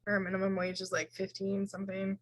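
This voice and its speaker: A woman's voice: mid-range voice, completely flat delivery, fairly quick, no echo, poor audio. A woman instructor giving an informal recorded lecture, walking through slides in a casual way with fillers and self-corrections.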